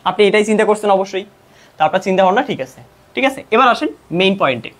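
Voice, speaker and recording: A man's voice: high-pitched, expressive, racing, fairly bright tone. A young man with a Bangladeshi Bengali accent teaching an online math lesson, explaining step by step and answering his own questions. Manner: mixes English math terms into Bengali speech. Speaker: math tutor.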